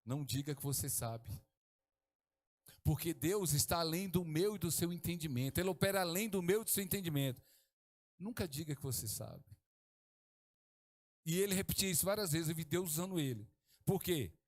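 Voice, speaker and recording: A middle-aged man from Brazil, preaching a sermon as pastor, swinging from hushed to exclaiming. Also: a little high, animated, moderate pace, long pauses.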